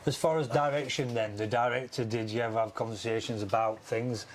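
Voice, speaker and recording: A man hosting a podcast, asking halting questions in casual conversation and often restarting them. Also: medium pitch, fairly even intonation, a little hiss or hum. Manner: halting, restarts questions, frequent "yeah" backchannels. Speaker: podcast host.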